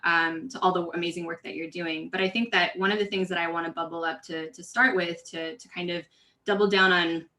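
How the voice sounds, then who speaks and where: A woman's voice: fairly low pitch, steady tone, fairly quick, bright, forceful tone. A woman from California, a diversity and inclusion coach speaking on a webinar panel in an earnest, conversational way with many fillers and restarts.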